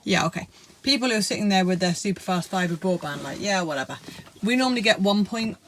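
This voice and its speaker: A woman's voice: medium pitch, lively intonation, fast. Woman chatting, scratching in background. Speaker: vlogger. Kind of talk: casual chat. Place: inside a motorhome. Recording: faint noise, scratching and clicks. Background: dog scratching in background.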